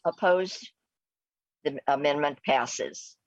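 An American woman chairing a remote meeting, speaking formally and procedurally with a halting, hesitant delivery. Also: low voice, no echo, soft background music. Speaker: committee chair. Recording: muffled lo-fi remote meeting audio.

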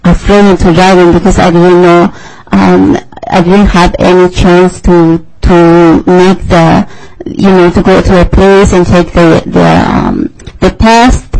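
A woman from Mexico whose first language is Mazahua testifies at a public hearing in a legislative committee hearing room, speaking careful English as a third language and searching for words. Her voice is gravelly, lowish and darkish, she goes slowly, and the audio is poor.

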